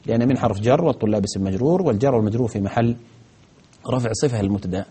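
A man's voice: medium pitch, rapid-fire, mellow, breathy edge. A man teaching grammar on a broadcast lesson, answering viewer questions methodically, step by step, with frequent hesitations.

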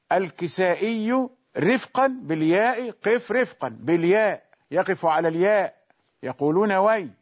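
High-voiced man teaching Quranic recitation. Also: highs cut off. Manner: explains slowly, repeating verses and rules. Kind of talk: classical Arabic lesson on Quranic readings.

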